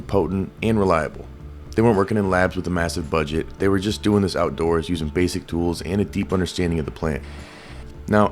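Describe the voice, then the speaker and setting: A man narrating a history in a steady, informative way, with light music behind. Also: deep voice. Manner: informative storytelling. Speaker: host. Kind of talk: scripted narration.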